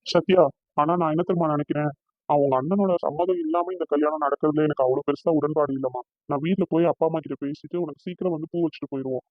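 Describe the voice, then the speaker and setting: A man voicing a loving young fiancé in a cartoon, gentle and reassuring. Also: on the high side, fairly even intonation, no room sound, narrow, tinny audio, close to an everyday voice. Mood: earnest. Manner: gentle, reassuring, fast-talking. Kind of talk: cartoon voice acting.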